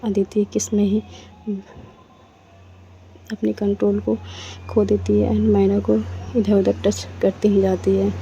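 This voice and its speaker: A woman tells a story in a plain, matter-of-fact way. Her voice is very mellow and dark, and her pitch stays flat. The recording is dull and lo-fi, with faint noise behind it. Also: a little slow, vocal fry, pauses often. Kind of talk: casual story narration.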